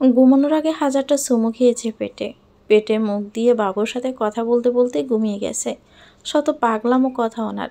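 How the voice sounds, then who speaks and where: A woman narrating an emotional love story in the first person, in a soft, heartfelt and earnest way. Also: fairly high pitch.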